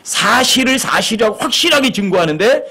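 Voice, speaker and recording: A man's voice: high-pitched, animated, brisk, pushed and bright, breathy edge. A male pastor preaching a sermon in church, talking conversationally and asking his listeners frequent rhetorical questions.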